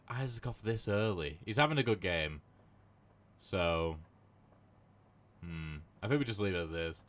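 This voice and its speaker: A young man giving casual commentary on a football management game, swearing freely and shouting at big moments. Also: fairly low pitch. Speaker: gaming commentator.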